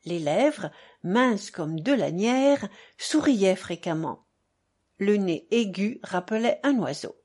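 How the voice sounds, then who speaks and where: A woman reads a classic novel aloud in a measured, expressive audiobook style. She takes her time, with a lively, varied pitch and a mid-range voice. Her delivery is unhurried and careful. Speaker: narrator.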